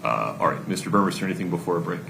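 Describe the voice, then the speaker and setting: A male judge with an extremely low, deep voice, speaking in a measured, deliberate way as he works through rulings. The sound comes from a courtroom recording, with steady background noise behind him. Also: vocal fry. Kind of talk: courtroom proceedings.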